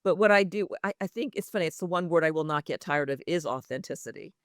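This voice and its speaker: A woman with a deep voice talks fast and with animation, recorded dry at studio quality. An executive communication coach, she speaks expressively and emphatically in a podcast interview, delivering lines with a trained actress's polish.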